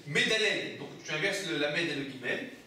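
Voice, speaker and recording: A rabbi with a fairly high, pushed, bright voice teaches a Torah study lesson at a fairly quick, animated pace, posing questions to his students and answering them himself. He explains the texts with repeated phrases and restarts; the room is echoey, the mic far off, with slight background noise.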